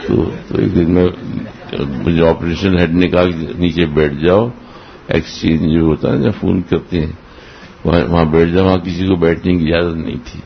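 Low, gravelly man telling an old story. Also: steady tone. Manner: unhurried, halting, with restarts and chuckles. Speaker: storyteller recounting memories of his spiritual master. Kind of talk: anecdotal storytelling to a gathering. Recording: dull lo-fi recording with faint hiss.

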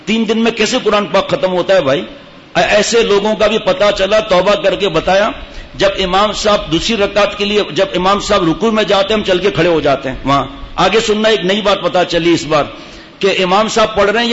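A man's voice: high-pitched, fairly bright tone. A middle-aged man preaching a Friday sermon as imam, scolding the congregation with rhetorical questions. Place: mosque. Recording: dull lo-fi sound with faint hiss.

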